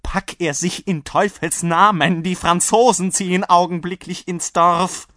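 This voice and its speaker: A man's voice: medium pitch, very animated, slow, fairly bright tone, no room sound, clean studio sound, heavily acted. A man voicing a flustered village innkeeper in a dramatic story reading, raised and urgently pleading. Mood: exasperated. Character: flustered male village innkeeper, anxious and exasperated. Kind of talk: dramatic reading of a classic anecdote.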